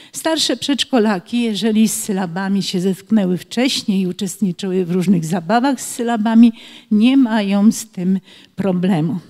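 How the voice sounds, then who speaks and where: Middle-aged woman, educator giving a webinar talk on preschool speech games, mid pitch, explanatory, long reverb. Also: warm tone. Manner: explanatory, reads children's rhymes aloud with slow rhythmic emphasis. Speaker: author and early-years educator.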